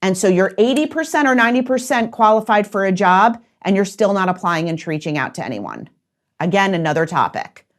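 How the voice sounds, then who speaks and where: A woman's voice: mid-range voice, lively intonation, brisk. A woman in her forties hosting a solo career-advice podcast, speaking directly and coaching her listeners with repeated instructions.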